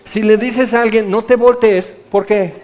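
A man preaching a sermon in a somewhat high voice. He is animated, swinging from loud, excited stretches to quiet, hushed ones. The recording has a dull, lo-fi sound. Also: normal speed, slight background noise.

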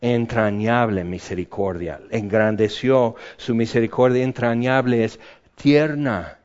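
A man preaches a sermon with theatrical flair. He swings from loud exclamations down to hushed, quiet asides. The recording is dull and lo-fi. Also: mid-range voice, steady tone, a little slow.

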